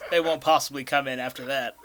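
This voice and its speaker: A young Californian man playing a tabletop game, easygoing and quick to question the rules. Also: mid-range voice, fairly even intonation, fairly bright tone. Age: young adult. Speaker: player. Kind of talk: casual chat around a tabletop game.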